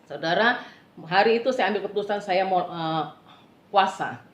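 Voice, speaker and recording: A middle-aged woman giving a personal faith testimony in an earnest, halting way, often turning to address her listeners directly. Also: mid-range voice. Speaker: testimony speaker. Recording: roomy, dull lo-fi recording.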